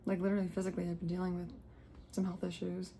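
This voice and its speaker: A woman's voice: lowish voice, completely flat delivery, racing, vocal fry, dark tone, a little hiss or hum. Rambling woman doing a tarot reading. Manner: rambling, self-interrupting, laughs often. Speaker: tarot reader. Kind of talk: casual spiritual card reading.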